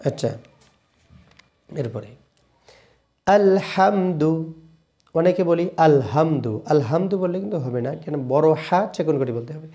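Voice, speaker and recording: A man with a Bangladeshi Bengali accent teaching correct Quran pronunciation, switching between brisk explanations and slow, drawn-out chanted recitation. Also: fairly high pitch, animated, dark tone. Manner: alternates quick explanations with slow drawn-out chanted Arabic phrases.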